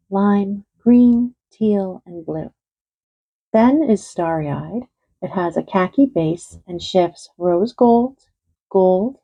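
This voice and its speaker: A woman from Canada who is a bit winded from being sick, quickly reviewing eyeshadows and listing their color shifts one by one. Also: mid-range voice, mellow, slightly rough, lo-fi sound. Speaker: beauty reviewer.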